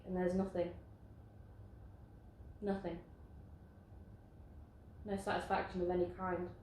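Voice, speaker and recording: A woman acting a despairing young sister on stage, sighing and breaking into anguished shouts. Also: on the low side, flat delivery, slow pace, slight background noise. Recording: distant, echoey stage with violin music.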